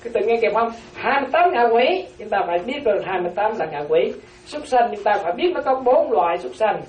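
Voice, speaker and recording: A Buddhist nun teaching a class gives a dharma talk in a fairly high, animated, slightly mellow voice, speaking fast. She repeats key phrases and keeps asking whether her listeners follow. The roomy recording comes from a distant mic, with slight background noise.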